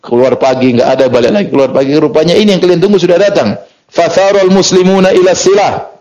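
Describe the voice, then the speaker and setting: Animated male preacher telling a story. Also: quick pace, muffled recording. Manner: storytelling lecture, reads Arabic text then explains it; lively, rises in pitch for emphasis and chuckles. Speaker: Islamic preacher. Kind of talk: sermon.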